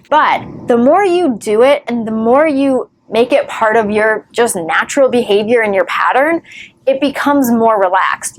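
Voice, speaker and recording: Earnest, fairly high-voiced woman vlogger. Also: slight background noise. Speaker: recovery vlogger. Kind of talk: encouraging direct-to-camera advice.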